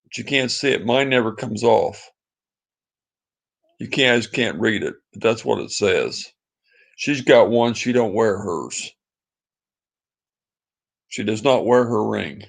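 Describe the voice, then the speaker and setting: A man's voice: fairly low pitch, takes it slowly, creaky, long pauses. A man, hosting a casual livestream and reading viewer comments, talking in a pleading, sentimental, repetitive way. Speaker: livestream host.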